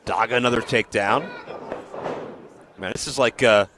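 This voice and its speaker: Bright-voiced male lucha libre announcer. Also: mid-range voice, normal speed, slight background noise. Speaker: play-by-play wrestling announcer. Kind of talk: lucha libre match commentary.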